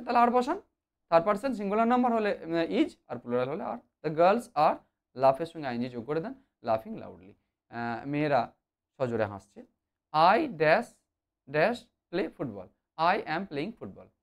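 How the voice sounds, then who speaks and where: An English grammar teacher giving an explanatory online lesson, with many drawn-out fillers and key points repeated. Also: medium pitch.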